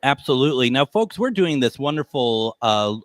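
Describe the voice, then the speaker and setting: A man hosting a live radio show in casual chat, speaking haltingly and repeating words as he goes. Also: medium pitch, big pitch swings, no room sound, studio quality.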